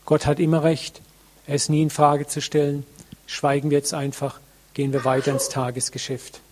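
A man preaching a sermon to a congregation, earnest and reflective, with many pauses, addressing listeners directly. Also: fairly high pitch, monotone, a little mellow, slight background noise.

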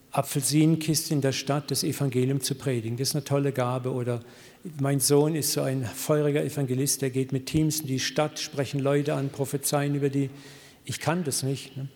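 A middle-aged man preaching a sermon, telling a story in a lively way and translating English quotes into German. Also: medium pitch, moderate pace, big-room sound. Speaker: pastor.

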